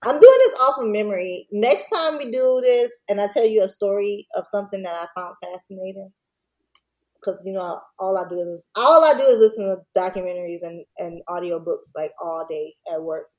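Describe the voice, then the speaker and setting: A woman's voice: medium pitch, a little fast, darkish tone, low-quality recording. Woman retelling a story, slangy and digressive. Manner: slangy, digressive, laughs between lines. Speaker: podcast host. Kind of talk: casual storytelling.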